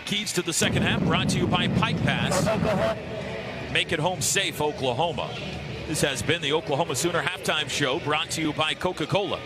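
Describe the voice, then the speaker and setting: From a stadium broadcast booth, a man with a fairly high voice calls live football play-by-play for radio at a moderate pace, loud music playing behind him. His clipped, vivid phrases swell on big plays, and the live stadium broadcast is clearly noisy.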